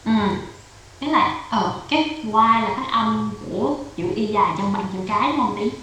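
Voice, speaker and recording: A woman's voice: medium pitch, moderate pace, bright, forceful tone. Patient tutor woman, echoey call. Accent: Vietnamese. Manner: patient, repeats and explains step by step, code-switches with English drills. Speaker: English tutor. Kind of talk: online English lesson for a child. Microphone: video call. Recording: echoey room, faint noise.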